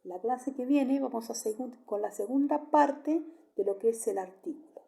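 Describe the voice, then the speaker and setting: A woman teaching a Spanish grammar lesson, patiently checking in with a rising question and repeating example sentences slowly. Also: fairly high pitch, creaky, dark tone. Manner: affectionate sign-off with a kiss.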